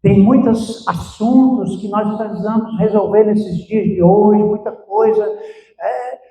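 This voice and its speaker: A man's voice: high voice, slow, crowd noise. A man preaching as a pastor, with emphatic swings in his delivery. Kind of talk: sermon. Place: church sanctuary. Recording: echoey church, distant mic, muffled.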